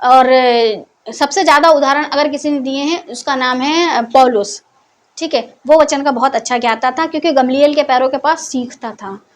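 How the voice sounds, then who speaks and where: Woman Bible teacher, high voice, conversational, fires off questions and answers them herself, scolding edge. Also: moderate pace. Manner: keeps posing questions to listeners, then answers them. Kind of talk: Hindi Bible teaching talk.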